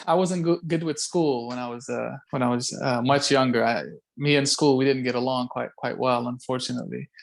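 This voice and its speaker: Speaking over a video call from a home room by a window, a Belgian man in his thirties chats casually as a guest. His medium-pitched voice has vocal fry, and he is thoughtful, often repeating words while he searches for them.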